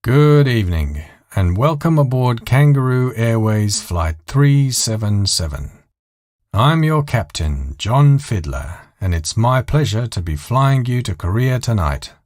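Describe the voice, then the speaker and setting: A man playing an authoritative airline captain in an audio story, speaking clearly with a slow drawl. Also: mid-range voice, very animated, a little mellow, dry recording, studio quality. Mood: calm, authoritative.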